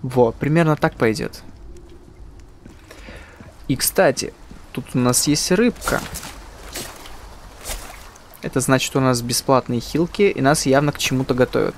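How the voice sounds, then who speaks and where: A man's voice: mid-range voice, unhurried, pauses often, slight background noise. A man hosting a gaming channel with casual let's-play commentary, musing aloud and joking.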